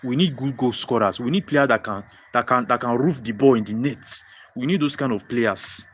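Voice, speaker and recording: A young Nigerian man with a mid-range, slightly breathy voice hosts a live football fan stream at normal speed. He's excitable, answering viewer comments and repeating phrases, restarting his points again and again.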